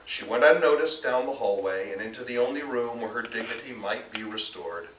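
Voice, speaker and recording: An American man gives a live narration of his novel at an indoor bookstore reading in a medium-pitched, fairly bright voice, going a little fast. Captured from a distance, the recording is roomy with faint noise.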